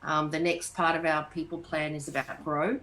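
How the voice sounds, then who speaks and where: A middle-aged woman with an Australian accent, an HR manager answering interview questions in a measured, explanatory way and listing points with filler words. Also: low-pitched, flat delivery, a bit bright, slight background noise, rough recording.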